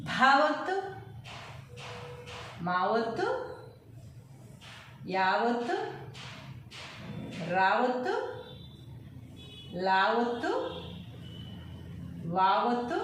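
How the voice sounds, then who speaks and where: A woman teacher patiently spelling out letters one by one in a slow lesson. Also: on the high side, a bit bright, slight background noise. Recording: echoey room, mic far off.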